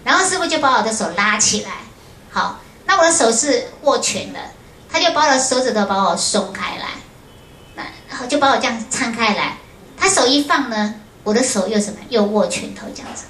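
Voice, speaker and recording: In a fairly quick, fairly high voice, a female Buddhist nun tells her memories to an audience in a foundation lecture room, livening her storytelling with repeated "hao" and "ha." The room is echoey and there's faint ambient noise.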